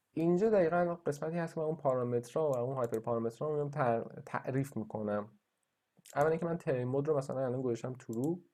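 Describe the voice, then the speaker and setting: This is a man's warm voice at medium pitch, a university lecturer explaining his code in a screen-recorded tutorial. He reasons out loud, with fillers and false starts along the way.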